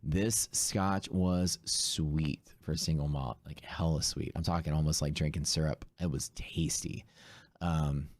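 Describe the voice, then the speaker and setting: Hungover man with a very low voice. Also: fairly even intonation, measured pace, dry recording. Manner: laid-back, slangy talk. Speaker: host of a live day-trading stream. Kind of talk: casual livestream chat.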